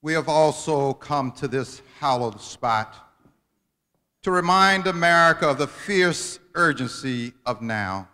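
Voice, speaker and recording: A man delivers a dramatic oration in a high, bright voice. He is slow and emphatic, and the sound rings long in a large hall. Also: animated. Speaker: guest reader at a commemorative event. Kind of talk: dramatic speech reading, oratory. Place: large indoor hall at a college event. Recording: reverberant hall, long echo.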